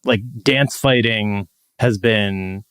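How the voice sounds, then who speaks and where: A man's voice: lowish voice, slow pace, a bit bright, smooth, no room sound, studio quality. A man co-hosting a comedic podcast, laid-back and riffing, laughing often as he talks about his young kids. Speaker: podcast co-host; parent of young children. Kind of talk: casual comedic chat.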